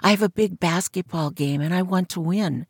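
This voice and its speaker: A woman's voice: fairly low pitch, moderate pace, breathy edge, dry recording, clean studio sound. A woman voicing a nervous, lanky teenage boy who speaks hesitantly, his voice wavering.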